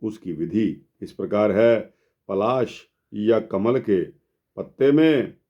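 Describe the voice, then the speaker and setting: Slow, measured man reading scripture. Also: lowish voice, expressive, warm tone, muffled recording. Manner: measured, addresses listeners as friends. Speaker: scripture narrator.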